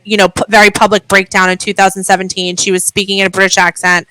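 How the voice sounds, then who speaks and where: A woman's voice: mid-range voice, flat delivery, fast talker, pushed and bright, no room sound, poor audio. A woman co-hosting a podcast, chatting and explaining celebrity gossip. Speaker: podcast co-host. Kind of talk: casual chat.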